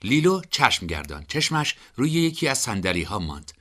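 A man reading a story aloud as an audiobook narrator, at a middle pitch. His delivery is expressive, and his pitch rises and falls in a lively, animated way.

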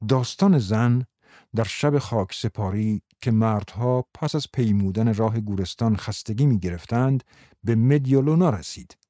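A man reading a story aloud in a measured storytelling manner. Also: on the low side, dark tone, dry recording, clean studio sound. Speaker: audiobook narrator.

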